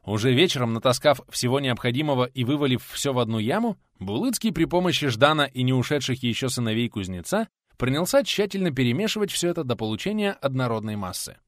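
A man narrating an audiobook in a scripted, expressive storytelling manner. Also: medium pitch, quick pace, no echo, studio quality.

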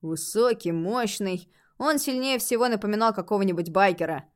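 A woman narrating a first-person audiobook in an expressive, lively way. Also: mid-range voice, moderate pace.

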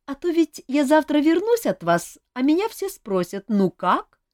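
A woman's voice: high voice, big pitch swings, measured pace, darkish tone, dry recording, pitched above the performer's own voice. A playful young woman in an audiobook, teasing and wheedling, as the woman reading puts her on. Her voice swoops wildly up and down, and it sounds dry and close, with no room around it.

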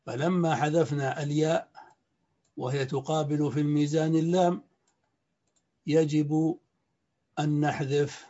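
Brief: male lecturer, somewhat high, mellow voice, measured teaching pace, lo-fi recording. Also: fairly even intonation. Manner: measured, repeats key points, clears throat. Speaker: sheikh teaching Arabic morphology. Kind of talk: classroom lecture. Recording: dull lo-fi recording.

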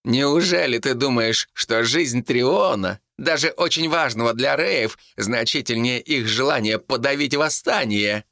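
A man's voice: mid-range voice, unhurried, hardly any pauses, bright, forceful tone, dry recording, studio quality, pitched above the performer's own voice. A man voicing a scheming, ranting male monk who shrieks threats and then turns sugary.

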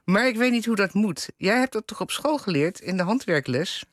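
A woman's voice: mid-range voice, animated, moderate pace, no echo, clean studio sound, pitched above the performer's own voice, close to an everyday voice. A woman voicing a gloomy, helpless middle-aged husband in a whiny, pleading way, as she reads her column aloud.

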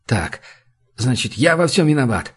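A man voicing a desperate, furious young man who shouts and turns bitterly sarcastic. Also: medium pitch, sing-song, a little slow, husky.

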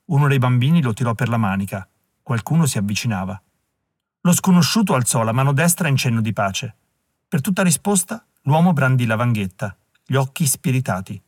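A man reading an audiobook as narrator in a measured, even storytelling delivery. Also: medium pitch, dry recording, studio quality.

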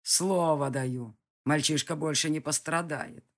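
An audiobook reader voicing a calm, menacing male villain who speaks slowly and coldly. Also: mid-range voice, creaky. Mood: calm menace. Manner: slow, measured, cold. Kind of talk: audiobook character voice.

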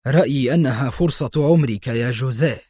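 A calm, sarcastic hero, as a male narrator plays him who taunts his captors without a trace of fear. The delivery is level and a touch raised, close and dry. It is a spoken storybook. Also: medium pitch, fairly quick, no room sound, close to an everyday voice. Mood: mocking. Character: cool, mocking male hero facing captors.

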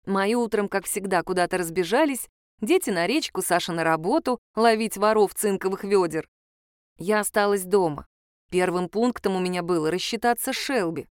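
A woman tells a first-person tale in a lively, wry voice, quick to sound indignant. Her pitch sits in the middle range for a woman. The recording is dry and close, with no room sound. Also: clear, resonant tone, no echo. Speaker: storyteller. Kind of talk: first-person story narration.

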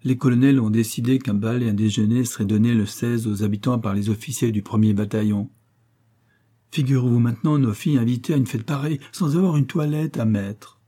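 A man's voice: mid-range voice, steady tone, a little fast, dark tone, close to an everyday voice. A man reading aloud, voicing a wheedling, insistent middle-aged matron who begs for money. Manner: pleading, insistent, dramatic.

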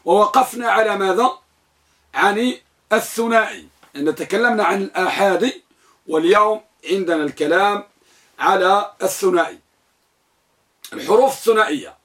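A man with a high-pitched voice leads a classroom grammar lesson. He drills his students with questions and repeats each answer back to them. Then he recites a long list one item at a time in a steady rhythm. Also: normal speed, pauses often. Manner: lists items in a steady recital. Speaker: grammar teacher.

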